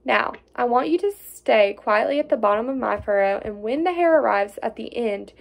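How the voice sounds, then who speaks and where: A woman's voice: lively intonation, moderate pace, creaky. A woman reading a storybook aloud, voicing a crafty, cheery little male hedgehog in a raised, cocky voice. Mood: bossy. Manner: cocky and scheming, raised pitch.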